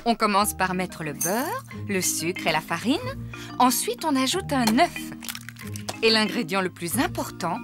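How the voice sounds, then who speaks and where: A woman's voice: medium pitch, very animated, measured pace, music in the background. A woman voicing a kindly, upbeat mother pig in a children's cartoon, encouraging and singsong. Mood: upbeat instructing.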